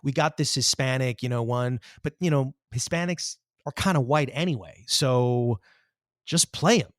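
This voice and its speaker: Guy playing a laid-back director buddy, smooth talker, dry close sound. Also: mid-range voice, normal speed, no room sound, voice pushed down, natural voice. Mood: coaxing. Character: casual male film director persuading a friend.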